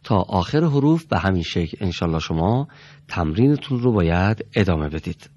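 A man's voice: deep voice, very animated, darkish tone, lo-fi sound. A man teaching a Quran reading class, politely calling on students and patiently correcting how they pronounce each letter. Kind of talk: classroom recitation lesson.

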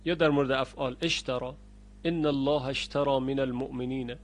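A man teaching the rules of Quranic recitation. He speaks to his students and stops to chant each example word slowly and loudly. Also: medium pitch, level tone. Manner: addresses learners directly. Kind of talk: recorded lesson on Quranic readings.

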